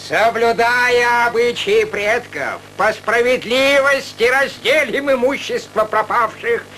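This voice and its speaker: A man's voice: very high voice, slow, pushed and bright, full character voice. An actor playing a pompous village holy man who declaims solemnly in a theatrical comedy film. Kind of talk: theatrical comic film acting.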